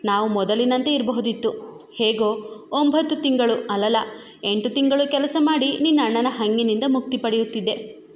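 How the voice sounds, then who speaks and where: A woman's voice: fairly high pitch, normal speed. A woman reading aloud a romance story she wrote herself, giving the characters' lines in much her own voice. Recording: dull echoey room recording with faint hiss.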